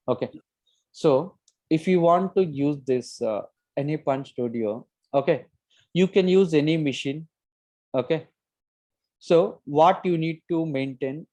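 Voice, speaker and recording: A man with a Telugu accent giving an informal live online software lesson, explaining step by step and often checking in with "okay". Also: mid-range voice, no echo. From Telugu-speaking region of India. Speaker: software trainer.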